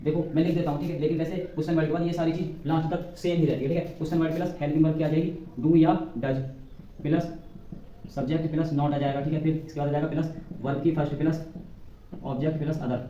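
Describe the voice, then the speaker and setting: A male teacher with a Hindi accent talks quickly in a slightly raised voice and keeps saying "ठीक है" as he works through grammar rules. His tone is dark and mellow. He sounds a little far from the mic in an echoey room with faint background noise. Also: on the high side, level tone, muffled recording. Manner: repeats "ठीक है" constantly, dictates sentences slowly. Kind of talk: board lesson explaining grammar.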